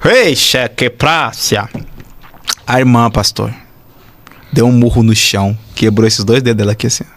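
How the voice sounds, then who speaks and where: A Brazilian man, a pastor, telling a testimony in an excitable, animated way, with shouts and sound effects. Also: lowish voice, brisk. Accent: Brazilian Portuguese. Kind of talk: animated testimony in casual chat.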